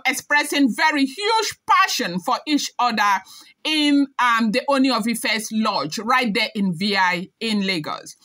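A young woman talks celebrity gossip straight to camera. Her voice sits a little high and rings bright and forceful. She chats along easily and keeps tacking on reminders that it is all hearsay. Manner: chatty, hedging with repeated disclaimers. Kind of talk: casual gossip commentary to camera.

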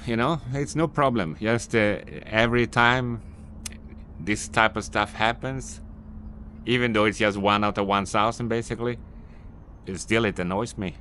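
A Swedish vlogger and business owner, speaking English as a second language, films himself on a city street in an unscripted monologue. His fairly low voice is sharp-toned, even in intonation and moderately paced, offering somewhat repetitive, mildly annoyed advice. Slight background noise is present.

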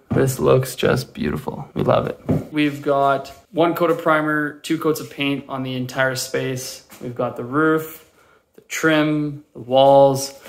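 A young man giving an upbeat, chatty tour of his basement workshop, filmed with a handheld camera at arm's length. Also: medium pitch. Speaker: DIY vlogger. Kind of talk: casual vlog narration. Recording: echoey bare room.

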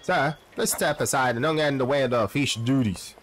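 A man voicing a stern male police officer who speaks with a slow, officious drawl. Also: medium pitch, a bit bright, slight background noise, natural voice.

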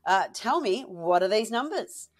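Brief: woman host, mid-pitched, enthusiastic interviewer. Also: expressive, unhurried. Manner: upbeat, enthusiastic questioning. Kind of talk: business news interview.

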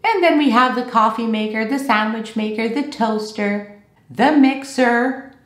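A woman in her thirties teaching an English vocabulary lesson on camera, animated and gesturing as she explains. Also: fairly high pitch, measured pace, roomy sound. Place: small room with bookshelves, indoors.

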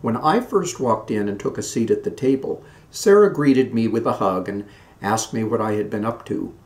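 A man in his sixties reading his own memoir aloud in a measured storytelling way. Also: fairly low pitch, darkish tone. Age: 60s. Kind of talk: scripted narration of a memoir. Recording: roomy echoey room.

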